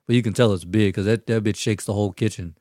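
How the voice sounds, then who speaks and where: A man with a fairly low voice chats loosely among friends. He rambles and restarts, swearing as he goes. The recording is dry and close. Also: fairly even intonation, quick pace, darkish tone, dry recording. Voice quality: profane, rambling. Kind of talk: casual chat.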